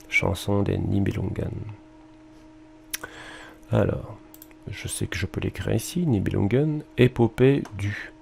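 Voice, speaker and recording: Low gravelly French male teacher. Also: mellow, a little hiss or hum. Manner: thinks aloud with fillers and mild exclamations. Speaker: music teacher. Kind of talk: screen-recorded lesson walkthrough.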